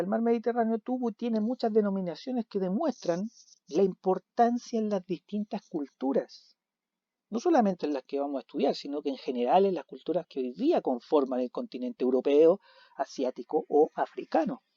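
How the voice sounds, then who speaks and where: A man teaching a recorded video lesson, animated, asking questions and answering them himself. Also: sits high, fairly quick, dry recording. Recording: dull lo-fi recording.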